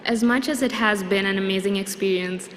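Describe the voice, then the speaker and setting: Young woman, graduation speaker, earnest, measured, large hall reverb, faint noise. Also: mid-range voice. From Sri Lanka. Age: young adult. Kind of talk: formal prepared speech.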